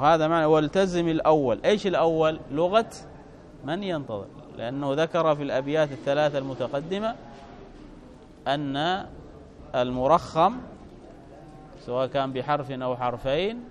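A man's voice: a little high, slight background noise. A man teaching an Arabic grammar lesson, explaining patiently and often asking his students rhetorical questions. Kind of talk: classroom lesson explaining a text.

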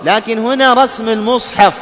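A man teaching Quran recitation rules. He keeps checking "clear?" with his students and chants example words slowly. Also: extremely high pitch, steady tone, a bit bright. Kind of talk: tajweed lesson. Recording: dull recording with long hall reverb and faint ambience.

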